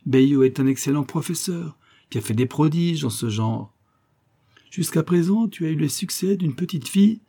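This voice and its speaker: A fond, persuasive older gentleman, voiced by a male audiobook reader close to his own register. He coaxes with smooth, soothing phrases. The timbre is dark and mellow. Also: on the high side, voice pushed up. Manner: coaxing and persuasive. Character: older wealthy man, coaxing and fond.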